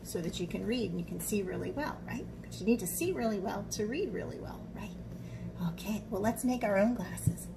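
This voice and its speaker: With a medium pitch, a slightly fast pace, and some vocal fry, a woman guides young children through stories and crafts over a noisy background. She keeps things simple and checks in with little questions, working as a children's art teacher and storybook reader.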